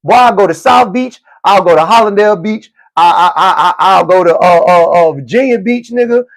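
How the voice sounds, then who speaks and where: A man's voice: high voice, a little fast, creaky. A man hosting a live stream, ranting in profane, mocking commentary with stammered repeats. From United States.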